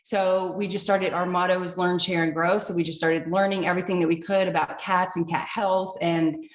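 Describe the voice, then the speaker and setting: A woman's voice: lowish voice, level tone, moderate pace, echoey room. A woman guest in an interview, speaking chattily with frequent filler sounds. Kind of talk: casual interview answer.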